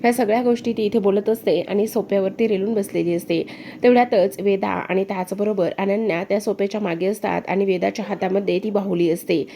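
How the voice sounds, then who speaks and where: Woman, serial recap narration, mellow tone, reads the characters' lines herself. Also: medium pitch, steady tone, brisk, a little hiss or hum. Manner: retells scenes, voicing the characters' lines in her own voice.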